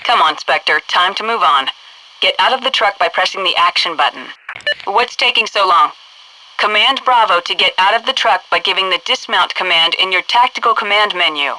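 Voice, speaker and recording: Over a crackly radio-style channel, a female voice actor delivers curt tutorial commands as a stern, brisk headquarters instructor in a military video game. She sounds stern and impatient, her medium-pitched voice expressive and lightly acted.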